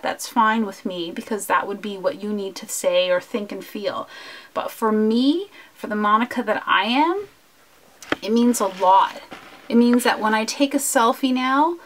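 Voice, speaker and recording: A woman's voice: mid-range voice, a bit bright. A woman vlogger talking earnestly and from the heart while she works on a scrapbook, drifting from topic to topic. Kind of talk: casual talk over a crafting video.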